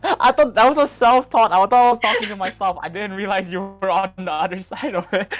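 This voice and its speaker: Playful chatty streamer man, raised pitch. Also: brisk, fairly bright tone. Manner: playful, chatty, breaks into laughter. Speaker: streamer host. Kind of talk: casual live-stream chat. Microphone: streaming microphone.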